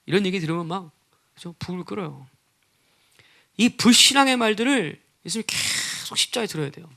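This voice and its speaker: A man's voice: high-pitched, lively intonation, a little fast, vocal fry, sharp tone. A male pastor preaching a sermon, with frequent rhetorical questions and acted-out quotes of scoffers.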